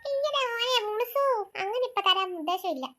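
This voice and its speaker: A woman's voice: very high voice, expressive, a little fast, pushed and bright, full character voice. A woman voicing a selfish young girl in a family cartoon, who teases smugly. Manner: smug, teasing.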